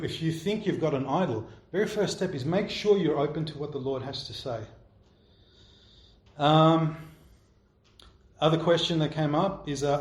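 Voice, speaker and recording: A pastor with a somewhat high, slightly mellow voice answers his congregation's questions during a sermon. He keeps it conversational and keeps checking in with "all right?" The recording carries a roomy echo.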